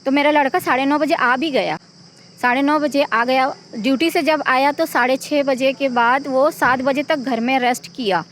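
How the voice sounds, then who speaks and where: A woman's voice: high-pitched, normal speed, fairly bright tone, a little hiss or hum. A middle-aged woman, the mother of a victim, giving an urgent, pleading eyewitness account in a news interview.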